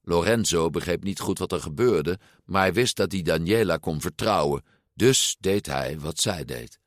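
Male storyteller, slow, expressive, lowish voice, dry close sound. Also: no room sound. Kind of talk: storybook read-aloud narration.

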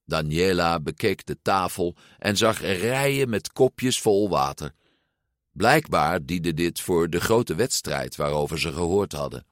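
A man reading a children's story aloud, slow and animated, giving each character a voice. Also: sits low, no echo, studio quality. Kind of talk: storybook read-aloud narration.

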